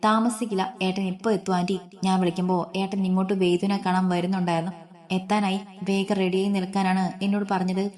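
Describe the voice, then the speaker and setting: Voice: a woman reading as a hurried, kind young woman. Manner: reassuring. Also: mid-range voice, level tone, a little mellow, lightly acted.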